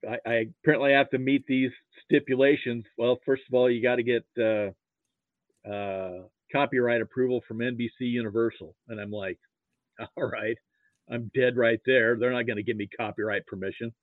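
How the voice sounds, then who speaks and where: A mid-pitched, steady-toned American man from Nebraska appears as a podcast guest, a sports archivist telling casual anecdotes. He speaks haltingly and repeats words as he starts sentences, and the dry audio sounds muffled and narrow, like a thin phone line.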